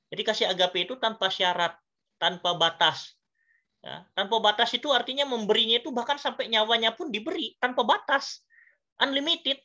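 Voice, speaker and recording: A bright-voiced man preaches to a youth group in a church. He tells the story with energy, slips into the voices of the people in it and keeps asking his listeners questions. The recording sounds muffled and lo-fi. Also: high-pitched. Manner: lively storytelling, acts out dialogue, asks the audience questions. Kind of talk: youth sermon. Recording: dull lo-fi sound.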